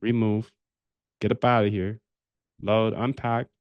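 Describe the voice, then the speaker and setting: Hosting a casual live coding stream on a trading bot, this man jokes around and curses freely while chatting with viewers. He speaks unhurriedly in a lowish voice with little pitch variation. The sound is dry, without echo, but lo-fi.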